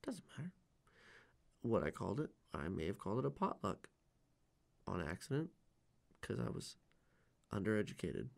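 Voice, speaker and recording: Young male podcast co-host, low voice, joking and loose. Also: moderate pace, vocal fry, long pauses. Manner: jokey, animated, swings loud and quiet. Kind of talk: casual chat.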